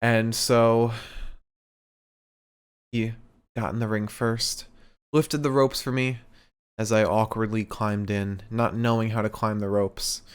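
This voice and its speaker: A man's voice: fairly low pitch, little pitch movement, takes it slowly, pauses often, clean tone. A man on a podcast reading comedic fan fiction aloud, breaking into laughter as he goes. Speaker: podcast co-host.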